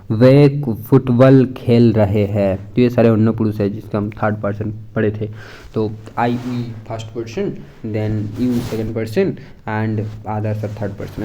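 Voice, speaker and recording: A man's voice: medium pitch, warm tone. A man teaching an exam-prep grammar lesson in a chatty way, repeating points and mixing in English words.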